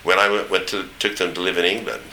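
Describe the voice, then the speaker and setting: An older American man with a standard accent and a low, very bright, forceful voice. He reminisces in loose anecdotes, pausing to search for names. There is a faint hiss behind him. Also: poor audio. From East Tennessee, United States. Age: older, 70s or above. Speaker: interviewee recounting memories. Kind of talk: oral history reminiscence.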